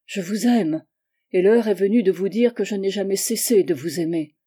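A passionate young man, voiced by a woman narrator presses his feelings with forceful insistence. The tone stays mellow and warm. It is an audiobook reading of a novel. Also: mid-range voice, moderate pace, breathy edge, lightly acted. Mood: pressing.

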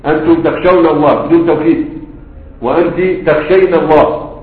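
A man with an Egyptian Arabic accent teaching a grammar class, asking rhetorical questions and slowly drilling example words. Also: on the high side, fairly even intonation. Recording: tinny phone-like audio in an echoey room.

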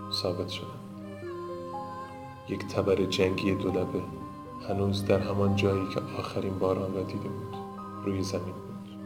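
A man narrating a scripted fantasy audiobook in a measured, dramatic way. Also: low voice. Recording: roomy with background music.

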